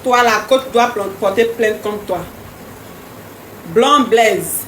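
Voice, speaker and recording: A woman's voice: on the high side, steady tone, moderate pace, reverberant, a little hiss or hum. A woman hosting a live stream, chatting casually and teasingly with viewers, repeating herself often. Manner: repetitive, teasing, talks straight to commenters.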